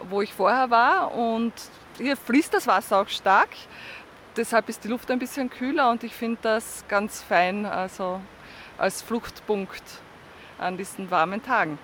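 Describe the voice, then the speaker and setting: A woman's voice: mid-range voice, fairly bright tone, a little hiss or hum. A woman walking on a riverside promenade, answering a street interview in a chatty, thoughtful way. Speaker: passer-by.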